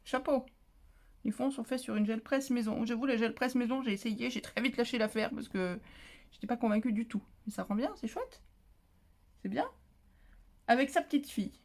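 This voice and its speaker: A woman's voice: fairly high pitch, normal speed, long pauses, darkish tone. A woman vlogging casually as she opens craft mail at home, chatty and easily moved, full of exclamations. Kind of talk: casual chat while opening mail.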